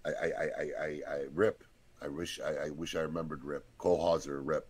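A middle-aged man hosting a podcast in casual chat, excitable and swearing often. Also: a bass voice, brisk, dry recording. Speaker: podcast host.

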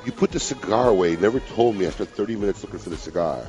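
A man's voice: lowish voice, racing, darkish tone, lo-fi sound, faint music behind. A man hosting a radio show, chatting casually and teasing his co-host. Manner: joking, teasing banter.

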